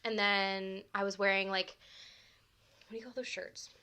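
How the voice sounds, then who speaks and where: A woman's voice: mid-range voice, steady tone, normal speed, sharp tone, clean tone. A woman in her twenties co-hosting a podcast, chatting casually with lots of "like" and laughs. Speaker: podcast co-host. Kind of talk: casual chat.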